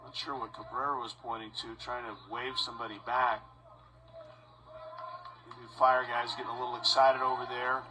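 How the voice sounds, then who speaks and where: A man announcing live baseball play-by-play in a measured voice that rises on big plays. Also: medium pitch, music in the background, low-quality recording. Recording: broadcast with steady background noise.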